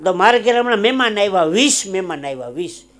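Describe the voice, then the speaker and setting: Male stand-up storyteller, high voice, acts out his jokes loudly, live stage show. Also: fast. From Gujarat, India. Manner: lively joke-telling, acting out characters with loud high voices. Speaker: comedian.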